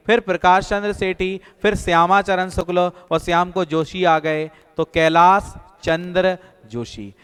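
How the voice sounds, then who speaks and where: Man teaching an exam class with a smooth voice. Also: fairly high pitch, fairly bright tone. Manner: storytelling, repetitive memory drills. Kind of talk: online class lecture. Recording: echoey room with long reverb.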